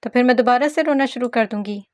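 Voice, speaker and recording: A woman voicing a stubborn, bratty ten-year-old girl with a shrill, whiny, demanding voice. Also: fast talker, no room sound, studio quality, close to an everyday voice. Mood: bratty whining.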